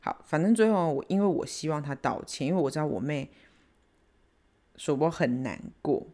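A woman with a Taiwanese accent hosting a casual podcast, retelling a family story in an animated way and switching into Hokkien. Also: low-pitched, normal speed. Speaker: podcast host.

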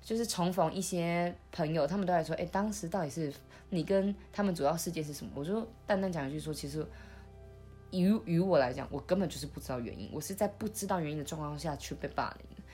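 Low-voiced young woman, soft and halting. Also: soft background music. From Taiwan. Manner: soft and halting, with many restarts. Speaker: podcast host. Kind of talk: intimate conversational storytelling.

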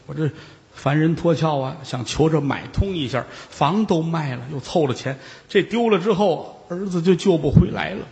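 A man's voice: on the high side, gravelly, long reverb tail. A man doing a frantic old man. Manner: anxious, pleading, rambling. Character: frantic old man, sixties, lost his money.

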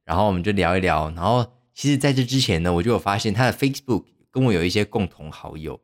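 Low-voiced man rambling. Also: expressive, fast talker. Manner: rambling, self-mocking, heavy use of fillers. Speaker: podcast host. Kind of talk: casual storytelling monologue.

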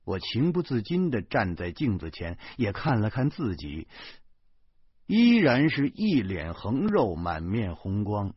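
Male audiobook narrator, low husky voice, lively pitch, wry storytelling, dull dry recording. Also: unhurried, no echo. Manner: wry, grumbling and expressive. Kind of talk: first-person storybook narration.

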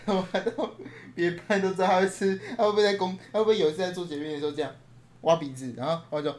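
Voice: medium pitch, fairly even intonation, very fast. Joking young co-host with Taiwanese accent. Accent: Taiwanese Mandarin. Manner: joking, rambling, repeats words. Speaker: podcast co-host. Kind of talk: casual chat. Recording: echoey room.

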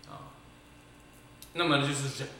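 A Taiwanese-accented man preaching as a Buddhist abbot, his pitch leaping high and dropping low as he presses each point with repeated rhetorical questions. The voice is bright and forceful. It rings out in a very echoey hall, with faint ambient noise behind it. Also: wildly swooping pitch, measured pace, creaky, far from the mic. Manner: emphatic, repetitive, asks listeners rhetorical questions. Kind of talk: Dharma sermon.

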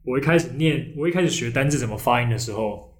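A man's voice: mid-range voice, expressive, fast talker. Hesitant Taiwanese-accented man hosting. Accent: Taiwanese Mandarin. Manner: hesitant storyteller, many restarts and fillers. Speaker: podcast host. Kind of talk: casual podcast chat.

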